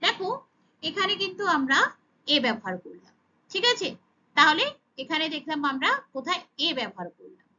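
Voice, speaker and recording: High bright-voiced Bengali woman teaching. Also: very animated, normal speed, pauses often, muffled recording. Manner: asks and answers her own questions, says "okay" often. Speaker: English teacher for children. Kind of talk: explaining grammar lesson.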